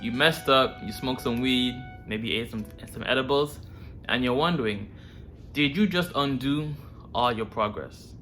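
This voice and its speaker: A man speaks directly to the viewer as host of a self-improvement series. His voice is bright and forward, and his delivery is informal and full of slang. Music plays softly behind him. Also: mid-range voice, unhurried. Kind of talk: casual direct-to-viewer advice talk.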